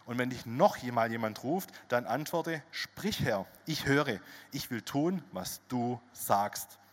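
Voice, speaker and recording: A man playing a calm, kindly old priest and mentor giving gentle, reassuring instructions. He speaks at an ordinary middle pitch, and the voice rings out with a long hall echo. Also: slow pace. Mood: instructive.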